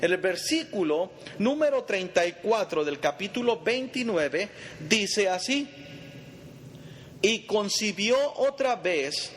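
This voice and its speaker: A man's voice: high voice, animated, slow pace, fairly bright tone. A man teaching a Bible study in a conversational way, quizzing his group and calling them brother, in a church meeting hall. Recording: long reverb, faint background noise.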